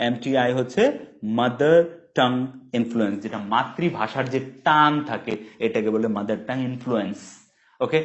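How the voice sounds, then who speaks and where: A man with a Bengali accent giving a spoken English lesson, drilling English phrases slowly and explaining them quickly. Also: medium pitch. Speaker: English tutor. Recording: dull lo-fi sound.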